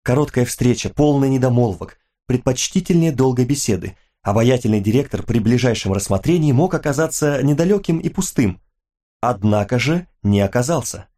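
A man narrating an audiobook in an even, measured way. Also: medium pitch. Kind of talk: scripted narration.

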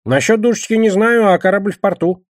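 A man reading an audiobook voices an excitable, defensive young man in a high, nervous register. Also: brisk, no echo, clean studio sound, lightly acted. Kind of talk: audiobook character voice.

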